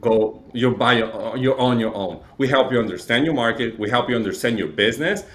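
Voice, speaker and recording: With a brisk, mid-range voice that's a bit bright, a Chilean man explains things conversationally as an interview guest. He works as a real estate data provider and keeps tagging his points with "right?"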